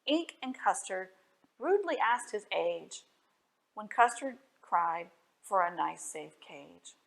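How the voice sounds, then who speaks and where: This woman's voice is medium-pitched and gravelly, and she takes her time as she reads stories and poems to children at a library. Her reading is expressive, with frequent questions for her young listeners.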